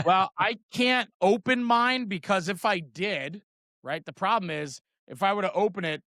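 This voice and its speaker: A high voice with a sharp tone and normal speed belongs to a middle-aged man who founded a trading card brand, appearing as a guest. His show-and-tell talk is casual, eager and slangy, with regular checks for agreement. There's no room sound, and the quality is studio-grade.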